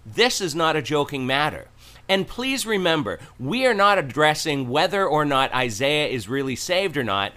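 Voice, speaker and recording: A man's voice: fairly high pitch, bright, forceful tone. A man hosting with scripted religious commentary, speaking in an admonishing, declarative way.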